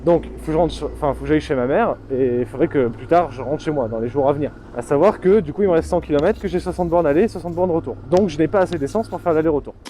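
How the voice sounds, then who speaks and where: A man's voice: on the high side, quick pace, few pauses, mellow, slight background noise, rough recording. Chatty man with a southern French accent. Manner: chatty, swears freely, rambles with fillers. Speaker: motorcycle vlogger. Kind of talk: casual vlog while riding.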